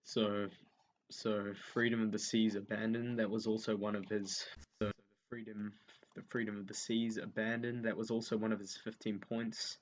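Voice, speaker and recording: A man's voice: on the low side, flat delivery, moderate pace. A young man running an unscripted history revision lesson, thinking aloud with many ums and repeating key points as he writes them down. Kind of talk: unscripted revision lesson while writing notes.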